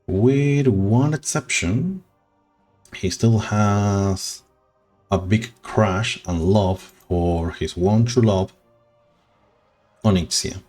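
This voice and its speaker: A man streaming a game, talking slowly and sentimentally, rambling with soft laughs. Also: fairly low pitch, faint music behind. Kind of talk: casual game stream chat.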